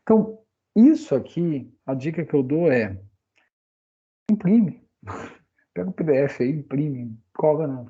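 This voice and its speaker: A man's voice: mid-range voice, warm tone, breathy edge, highs cut off. A man teaching English grammar in a casual online lesson, chatting with a Brazilian Portuguese accent and tagging his sentences with questions. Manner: chatty, frequent "né?" tag questions.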